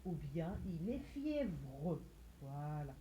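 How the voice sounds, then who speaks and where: Slow, lively-toned woman teaching reading. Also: sits low, slight background noise, rough recording. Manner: patient, repeats words and syllables aloud, asks questions and answers them herself. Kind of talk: slow phonics lesson for young children.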